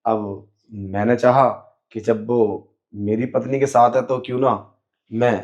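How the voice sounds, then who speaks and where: A man's voice: medium pitch, fairly even intonation, measured pace, darkish tone, dull audio. A man in a scripted skit, playing a sleazy man who pretends to be blind, talking in a sly, wheedling way. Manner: sly, wheedling, keeps saying "you know". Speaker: actor in a short skit.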